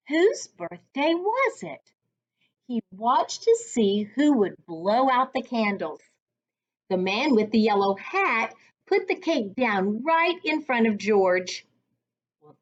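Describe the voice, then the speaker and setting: Like a coach reading to young kids, a woman performs a storybook with expression and a measured, deliberate manner. Her voice is fairly high, captured in lo-fi sound.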